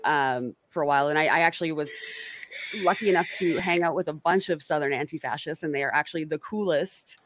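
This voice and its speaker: A woman's voice: low-pitched, brisk, background noise. A woman hosting a casual online interview, talking in a rambling way with lots of fillers and self-corrections. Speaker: host.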